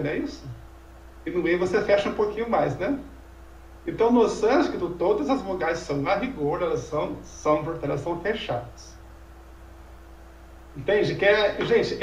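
A man with a high voice explains things in a relaxed lecture, checking in with tag questions and rhetorical asides. He sits well away from the mic. The room around him rings with echo. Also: a little hiss or hum. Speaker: Sanskrit teacher. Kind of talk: informal lecture conversation. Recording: echoey room, voice from far off mic.

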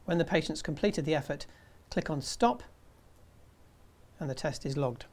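A man in his fifties presenting a scripted tutorial in a measured, step-by-step way. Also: on the high side, darkish tone. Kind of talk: scripted instructional narration.

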